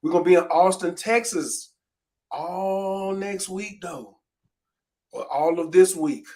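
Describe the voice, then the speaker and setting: A man's voice: high-pitched, slow pace. A man hosting a casual livestream, easygoing and greeting viewers in the chat. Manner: easygoing, gives viewers shout-outs. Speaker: host.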